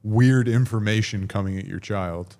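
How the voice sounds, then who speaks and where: A man's voice: lowish voice, normal speed, a little mellow. A man co-hosting a podcast, chatting in a dry, laid-back way. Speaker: podcast co-host. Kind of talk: casual podcast chat.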